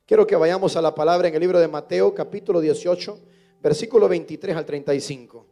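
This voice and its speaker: A man preaching from the pulpit, his voice pitched high for a man yet rough with gravel and fry. The tone sits dark and mellow rather than bright. He leads a church service, firing question after question at his listeners. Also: quick pace. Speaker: pastor. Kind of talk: sermon.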